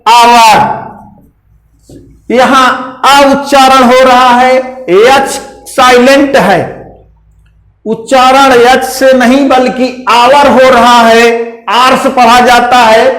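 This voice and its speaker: A man teaching an English grammar lesson to students, explaining slowly and repeating key points. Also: very high voice, fairly bright tone. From India. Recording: roomy echo.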